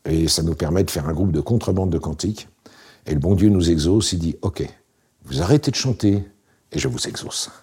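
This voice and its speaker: A man's voice: low-pitched, fairly quick, breathy edge. A man in his late sixties, an interview guest telling wry, rambling anecdotes in casual conversation. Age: 60s. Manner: relaxed, wry, anecdotal with frequent fillers.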